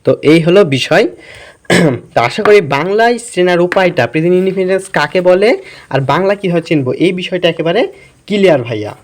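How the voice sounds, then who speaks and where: A man's voice: high voice, expressive, quick pace. A man teaching English grammar in a casual classroom style, asking questions and answering them himself. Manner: talkative, asks and answers his own questions. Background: noisy surroundings.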